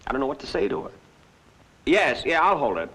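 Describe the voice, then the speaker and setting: Bright-voiced, flustered screwball comedy man. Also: a little high, big pitch swings, a little fast, low-quality recording. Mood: anxious. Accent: American. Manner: dry wisecracking, flustered stammering. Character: broke, dithering male lawyer, putting on a brave front. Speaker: lead film actor. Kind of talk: 1940s screwball comedy banter, film acting.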